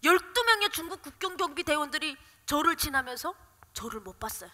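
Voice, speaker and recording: High bright woman testifying. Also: sing-song, a little fast. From North Korea. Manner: impassioned, swinging from hushed to loud. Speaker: church deaconess giving testimony. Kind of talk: emotional church testimony. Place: church sanctuary. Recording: reverberant church sanctuary.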